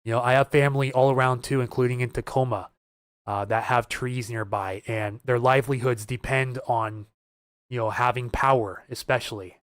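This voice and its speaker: A man's voice: medium pitch, steady tone, normal speed, clear, resonant tone, no echo, studio quality. A man hosting a live weather stream, talking casually and urgently to viewers, nervous and earnest. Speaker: weather livestream host.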